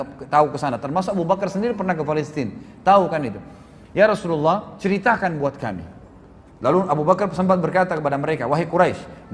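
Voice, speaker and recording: Male preacher, animated storytelling sermon, quick delivery, long hall echo, faint background hum. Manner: animated, acts out quoted speech with shifting pitch. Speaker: Islamic preacher. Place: mosque. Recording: distant reverberant hall recording, faint ambience.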